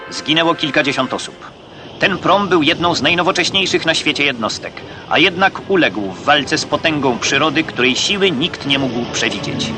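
Man narrating an old 1960s newsreel. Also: on the high side. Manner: crisp, declamatory, occasionally wry. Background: music.

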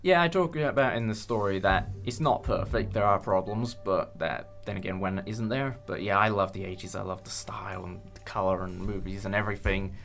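Over a soft guitar music bed, a young man discusses making his fan audio drama in a casual interview. His voice is fairly low and creaky yet fairly bright in tone, and he meanders with many hesitant pauses.

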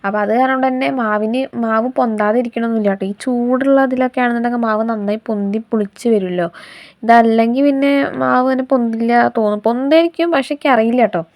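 A woman's voice: on the high side, steady tone, fast, a little mellow. A woman vlogger with a slight head cold, chatting in a homely way and explaining each step as she narrates her morning cooking routine. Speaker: vlogger and homemaker. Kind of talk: casual day-in-my-life narration while cooking.

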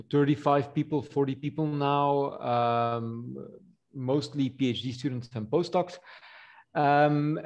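A middle-aged man from Belgium talks through his slides on a video call. His delivery is loose and chatty, with lots of fillers and restarts, at an ordinary middle pitch. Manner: relaxed, rambling with frequent fillers. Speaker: university yeast researcher presenting. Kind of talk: online conference presentation.

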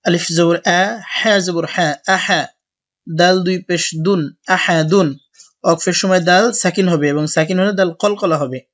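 Man, Quran teacher, spells out letters, slow chanted recitation, higher voice, flat steady delivery. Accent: Bangladeshi Bengali. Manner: slow, drawn-out recitation alternating with brisk explanation.

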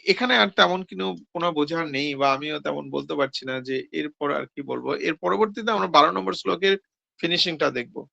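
A man giving a devotional talk on scripture, posing questions and answering them himself, with hesitant pauses and self-corrections. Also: a little high, vocal fry, sharp tone, dry recording, highs cut off. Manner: explains with rhetorical questions and answers. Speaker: seminar speaker on scripture.

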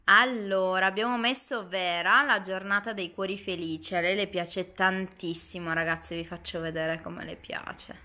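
A woman's voice: lowish voice, steady tone, moderate pace, hardly any pauses, sharp tone, a little hiss or hum. A young woman and mother talking casually to her viewers in a home vlog, chatty and explaining things, filmed on a handheld camera in her kitchen and living room. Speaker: vlogger and mother.

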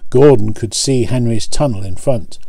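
A pastor reading a children's picture book aloud, with gentle asides to the listener. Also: male voice, medium pitch, normal speed, vocal fry, dry recording.

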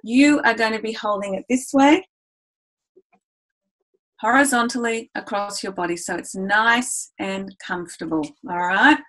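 A woman's voice: fairly high pitch, unhurried, a bit bright, rough recording. Upbeat woman teaching ukulele. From Australia. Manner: enthusiastic, chatty, addresses listeners as "guys"; demonstrates on the ukulele while talking. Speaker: music educator. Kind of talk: webinar teaching.

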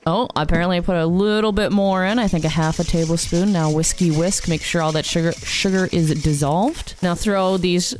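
A young woman narrates instructions in a fairly low voice. She is informal and playful in her wording, walking through each step casually. Soft music plays behind her. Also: fairly even intonation, moderate pace, hardly any pauses. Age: young adult. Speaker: vlogger giving a recipe.

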